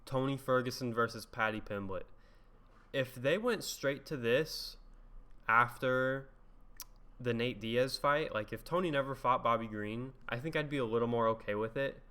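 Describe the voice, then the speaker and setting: A man talks through his picks in a loose, casual commentary monologue. His voice is bright and forward, and his talk is chatty, full of laughs and freely dropped swearing. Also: medium pitch, normal speed. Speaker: MMA commentary YouTuber.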